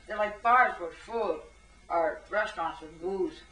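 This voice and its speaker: A man's voice: sits high, a little slow, bright, forceful tone, voice pushed up. A man voicing a friendly, blunt female teacher who talks breezily and swears casually. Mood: breezy. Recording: roomy and distant.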